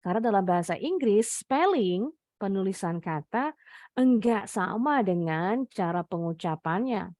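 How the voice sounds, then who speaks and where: A woman's voice: mid-range voice, expressive, a little slow, darkish tone, no room sound, studio quality. A young woman with an Indonesian accent teaching an online English lesson, patiently explaining each word in English and then Indonesian.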